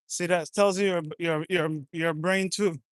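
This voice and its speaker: A man's voice: sits high, fairly even intonation, unhurried, clean tone, dry recording, studio quality. A man from France, chatting casually and bluntly, swearing now and then. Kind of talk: casual chat.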